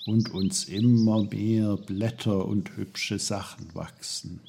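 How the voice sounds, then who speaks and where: A man voicing old talking trees, speaking slowly and gently with a rumble. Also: steady tone, gravelly. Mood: calm. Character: old wise talking trees, slow and deep.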